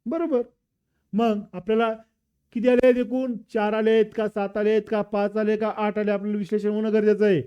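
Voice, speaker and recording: A man's voice: high-pitched, little pitch movement, normal speed, clear, resonant tone, lo-fi sound. A man teaching with a Marathi accent, walking through an exam paper and drilling students with repeated questions and answers. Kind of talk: exam paper walkthrough lesson.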